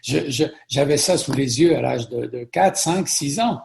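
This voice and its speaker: A middle-aged man from France, a chef being interviewed, telling stories in a lively conversational way and often repeating words as he thinks. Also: medium pitch, a little slow, gravelly. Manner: warm storytelling with frequent repetitions.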